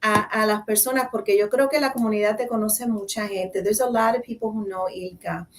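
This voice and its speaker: A woman's voice: mid-range voice, steady tone, normal speed, distant mic. A woman hosting a talk show, chatting playfully and emphatically while switching between Spanish and English. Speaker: host. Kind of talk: casual bilingual talk show chat.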